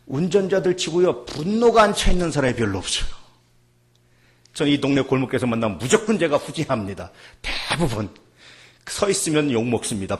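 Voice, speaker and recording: A middle-aged man preaching a sermon as pastor, moving between quiet, almost whispered passages and loud, shouted exhortations. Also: medium pitch. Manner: swings between hushed murmurs and shouted exhortation.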